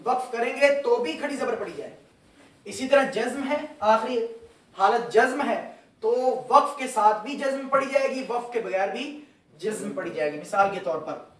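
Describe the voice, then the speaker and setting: Brief: high-pitched male teacher, patient and repetitive, recorded far off in a roomy mosque hall. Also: lively intonation, moderate pace. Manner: patient, repeats and quizzes students. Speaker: religious teacher. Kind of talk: Quran recitation lesson. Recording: echoey hall, far from mic.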